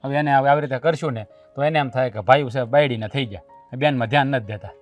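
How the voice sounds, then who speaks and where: A harried village husband, played by a man, talking fast and trying to smooth things over. He sits a little back from the mic, with faint music behind him. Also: mid-range voice, distant mic, natural voice. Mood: placating. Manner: placating, pleading, rising to shouting. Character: village husband torn between wife and widowed sister. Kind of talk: village family drama acting.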